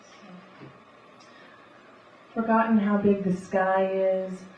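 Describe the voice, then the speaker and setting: A woman reading beatnik spoken-word poetry live, in rhythmic, deliberate, short clipped phrases. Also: lowish voice, flat delivery, dark tone. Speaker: poet and conceptual artist. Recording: echoey live room, distant muffled mic, faint noise.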